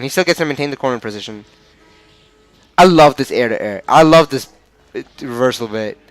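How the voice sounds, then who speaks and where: A man with an Australian accent and a mid-range voice chats casually through his analysis of a fighting game match, often tripping over the players' names. There's no room sound on the recording.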